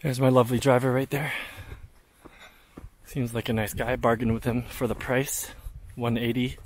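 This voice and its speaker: A man of medium pitch speaks at a moderate pace in a level tone, giving chatty, off-the-cuff vlog commentary about his travels, speculating aloud and sometimes swearing. The handheld footage, shot outdoors and on a train, is full of noisy travel ambience.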